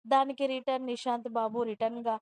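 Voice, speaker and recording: A woman with a higher voice reads a story aloud at a steady pace, keeping her tune flat and even. Her voice is smooth and clear, and the recording is close and dry. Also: fast talker, no echo. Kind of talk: scripted story narration.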